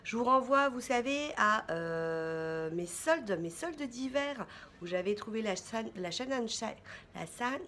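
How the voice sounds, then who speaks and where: A woman's voice: on the high side, animated, slow, sharp tone, a little hiss or hum. A woman beauty vlogger chatting casually through a haul, with many fillers and self-corrections.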